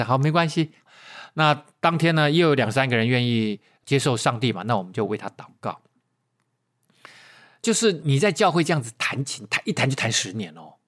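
A man with a Taiwanese Mandarin accent, preaching a sermon by telling a story in an animated way, with many tag particles and restarts. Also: mid-range voice.

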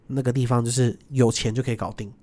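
A young adult man, a guest, telling stories in a lively casual chat and acting out the voices of people in them. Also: mid-range voice. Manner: animated, quick, acts out voices in his stories.

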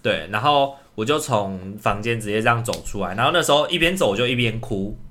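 A young man co-hosting a podcast, telling a personal story in a casual, animated way and acting out the quoted lines. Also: on the low side, brisk. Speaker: podcast co-host.

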